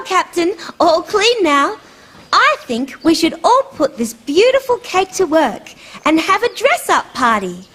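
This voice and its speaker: A woman's voice: extremely high pitch, full character voice. A woman voicing a cheerful, kindly female dinosaur for a young children's show, speaking in a sing-song, carefully enunciated way. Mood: friendly, organizing. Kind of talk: children's show character presenting to young viewers.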